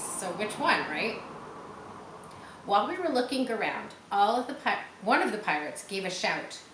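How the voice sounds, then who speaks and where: Reading a story to her listeners, a woman breaks off to clarify words and make sure everyone understands, in a teaching manner. She has a medium-pitched, somewhat bright voice, recorded in an echoey room with a little background noise.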